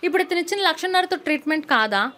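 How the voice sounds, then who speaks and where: A woman's voice: extremely high pitch, expressive, very fast, bright, forceful tone. A woman speaking as an interview guest, indignant and quoting others as she argues. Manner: indignant, quotes others mockingly. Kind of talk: heated interview talk.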